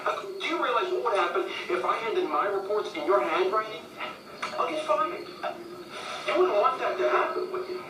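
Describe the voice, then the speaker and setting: An actor playing a loud, mocking young bully, heard from a film played on a TV across a room. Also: male voice, sits high, animated, normal speed, recorded from a distance, background noise. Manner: aggressive, mocking, demanding. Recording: film on a TV, roomy, caught from afar.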